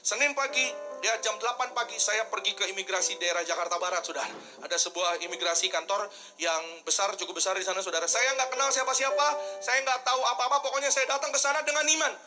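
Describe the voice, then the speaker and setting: A man's voice: high-pitched, fast, music in the background. A male pastor telling a story in a sermon, acting out the people in it and turning to the congregation again and again. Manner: animated storytelling, acts out dialogue, addresses the congregation often.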